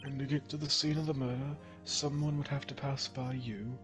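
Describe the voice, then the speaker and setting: A man's voice: mid-range voice, little pitch movement, moderate pace, a bit bright, soft background music, lightly acted. A man voicing a stern, commanding judge in a playful video game dub. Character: stern middle-aged male judge.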